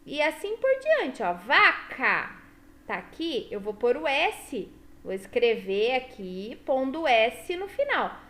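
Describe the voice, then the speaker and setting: A high-voiced Brazilian woman teacher, talking slowly and patiently to small children as she walks them through a workbook. Her pitch swoops up and down in a sing-song way, and she keeps checking in with short questions. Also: big pitch swings. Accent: Brazilian Portuguese. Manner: slow, sing-song teacher talk with frequent "tá?" and "ó". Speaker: primary school teacher. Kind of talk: explaining a workbook to young children.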